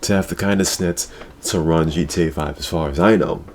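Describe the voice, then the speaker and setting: Hosting a laid-back gaming talk show, this low-pitched man talks fairly quickly, crude and slangy, returning to his catchphrases again and again. Background noise is audible but the recording is clear.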